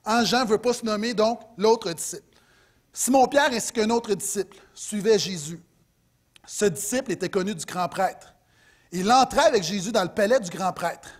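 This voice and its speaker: A middle-aged man with a Quebec French accent preaching a sermon as pastor, animated, swinging between loud emphasis and soft asides. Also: sits high, normal speed.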